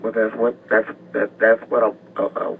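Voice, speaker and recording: An older man calling in to a radio show, talking in a halting, rambling way and repeating words. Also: on the low side, little pitch movement, gravelly, fairly bright tone. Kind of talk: rambling live radio call-in. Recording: distant, noisy phone call to radio.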